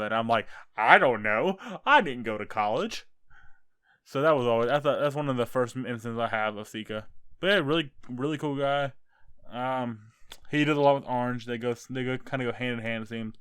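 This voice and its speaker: A man's voice: medium pitch, clear, resonant tone, no echo, clean studio sound. A young American man casually ranking fellow creators, rambling and joking as he goes. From United States. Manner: rambling, self-correcting, jokey. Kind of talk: casual tier-list commentary.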